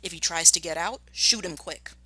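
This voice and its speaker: A woman's voice: fairly low pitch, normal speed, pushed and bright, husky, no echo, rough recording. A woman reading a storybook as a thin, grimy, angry farmer man, bossy and menacing with emphatic delivery. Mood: commanding.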